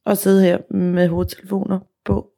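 Gravelly dark-voiced woman podcaster. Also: medium pitch, level tone. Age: 40s. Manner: candid, self-reflective. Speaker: podcast host. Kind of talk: personal podcast narration.

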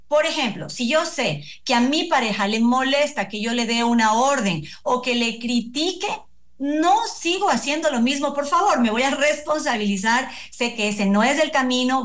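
A woman with a slightly high voice speaks as a psychologist guest on a radio show. She explains calmly and steadily, often adding little tag questions. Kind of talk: radio interview.

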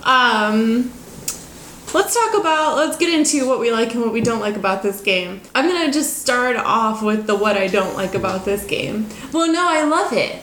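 Brief: woman co-host, bit high voice, gushing, filler-heavy, echoey room. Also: lively intonation, moderate pace, fairly bright tone. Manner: enthusiastic and gushing, lots of ums, casual swearing. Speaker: board game show co-host. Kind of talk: casual board game review chat. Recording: roomy echo, faint noise.

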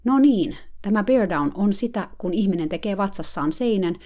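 A woman's voice: mid-range voice, lively intonation, dark tone, voice pushed up, natural voice. Woman mimicking a bossy preaching riding coach. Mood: lecturing.

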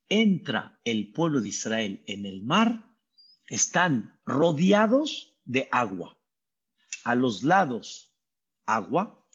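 Man, Mexican accent, rabbi preaching, husky voice, slow deliberate delivery, dull lo-fi recording. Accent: Mexican Spanish. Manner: animated storytelling, acting out voices with high cries. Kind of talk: sermon.

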